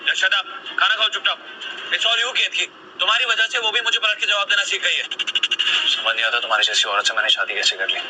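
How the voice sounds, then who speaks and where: A man's voice: on the low side, little pitch movement, very fast, few pauses, noisy background, natural voice. A man playing a domineering, jealous husband who talks harshly and drops English phrases into his Hindi. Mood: angry. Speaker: controlling husband and father. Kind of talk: short social-media drama. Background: background music.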